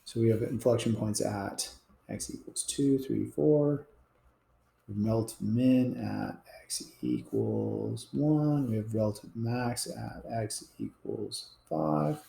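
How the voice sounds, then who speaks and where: A math teacher gives a calculus lecture at a board, his medium-pitched voice animated yet creaky as he takes it slowly. His explanations are casual, each point dropping away quietly at the end, and the sound carries roomy classroom echo.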